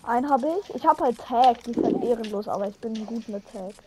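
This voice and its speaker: A woman exclaiming excitedly while playing an online game in casual voice chat. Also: on the high side, fairly quick. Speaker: player in voice chat. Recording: noisy voice chat mic.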